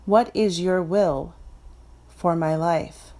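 A woman from Florida leading a guided meditation in a soft, calm, instructive way. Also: lowish voice, slow pace.

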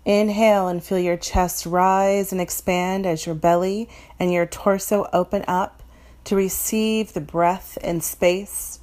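A woman from Florida leading a guided meditation in a soft, calm, instructive way. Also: lowish voice, slow.

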